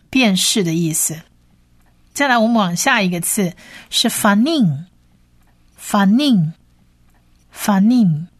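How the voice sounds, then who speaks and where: Female teacher, unhurried delivery, patient, drills each sound by repetition. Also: mid-range voice. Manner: patient, repeats each sound slowly several times. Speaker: Hebrew language teacher. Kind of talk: slow spoken lesson.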